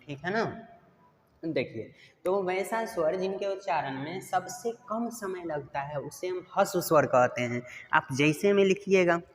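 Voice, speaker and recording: A man's voice: fairly high pitch, fairly bright tone. Man teaching grammar in an echoey hall. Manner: repetitive, drills points with tag questions. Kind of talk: online grammar lesson. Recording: long hall reverb, faint noise.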